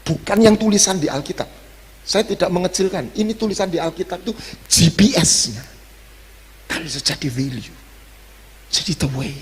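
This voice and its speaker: A man's voice: high-pitched, animated, normal speed, long pauses, husky. A male pastor preaching a sermon, mixing in English phrases and building to sudden emphatic peaks. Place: church hall. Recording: long reverb of a church hall.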